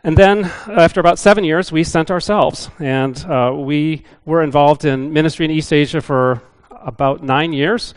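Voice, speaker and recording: A man's voice: on the high side, moderate pace, hardly any pauses, clear, resonant tone. Chatty middle-aged man addressing a church. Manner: chatty and self-deprecating, with frequent "uh" fillers. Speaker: visiting missionary speaker. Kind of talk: casual church talk to a congregation. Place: church building.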